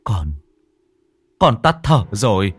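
A man voicing a panicked young husband and father who shouts out urgently in a spoken ghost story. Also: fairly low pitch, very animated, slow pace, husky, no echo, soft background music, heavily acted. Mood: shaken.

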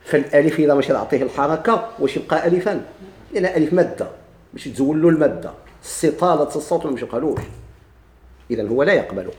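A man with a Moroccan accent teaching Arabic grammar, slowing down to recite quoted verses and examples and giving letters and words their own speaking lines. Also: fairly high pitch, expressive, a little mellow. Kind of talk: explaining a grammar text. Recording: echoey room.

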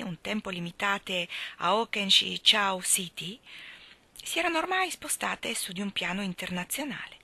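A woman reading a novel aloud in a measured, expressive way. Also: mid-range voice, dry recording. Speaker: reader.

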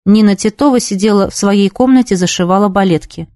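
A woman giving an expressive book narration, lively and voicing the characters as she reads. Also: mid-range voice, fairly quick, no room sound, clean studio sound. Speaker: audiobook reader.

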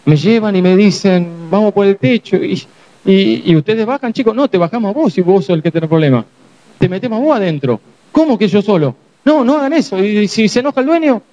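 A man voicing an anxious paralyzed man on a stretcher, pleading and fretful, his voice jumping high. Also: lively intonation, a little fast, dark tone, muffled recording.

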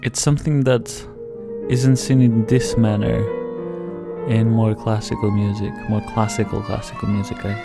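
Over loud classical viola and piano music, a man with a fairly low, creaky voice hosts a casual radio show, speaking at a moderate pace with little pitch movement. Portuguese is his first language, and he rambles hesitantly through his commentary, often repeating words.

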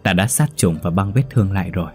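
A man voicing an older village healer giving gentle, stern advice. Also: deep voice, quick pace, slightly rough, soft background music.

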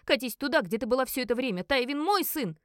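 A woman voicing a fiery, hot-tempered young wife who shouts hysterically, in an audiobook. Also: high voice, animated, fast talker, dry recording, clean studio sound, pitched above the performer's own voice. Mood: furious.

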